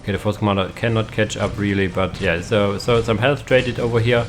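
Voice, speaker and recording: A man's voice: on the low side, steady tone, fairly quick, soft background music. A young man giving casual, hesitant commentary on a strategy game match, with many fillers and restarts. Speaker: caster.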